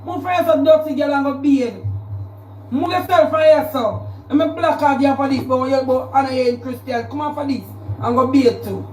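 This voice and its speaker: Jamaican woman, high-pitched, confrontational livestream rant; echoey room, off-mic. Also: brisk, darkish tone, far from the mic, a little hiss or hum. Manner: confrontational, repetitive, calling out a rival. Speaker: social media livestreamer.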